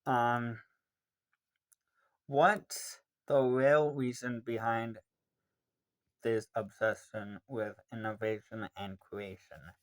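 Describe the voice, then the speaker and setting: A young man in his late teens answering viewer questions in a casual, rambling way, with many pauses and ums. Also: mid-range voice, steady tone. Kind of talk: casual Q&A monologue.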